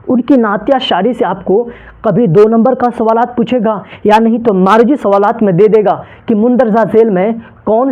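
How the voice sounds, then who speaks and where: A woman teacher giving an exam-prep lecture, repeatedly asking and answering her own questions. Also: a little high. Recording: dull lo-fi recording.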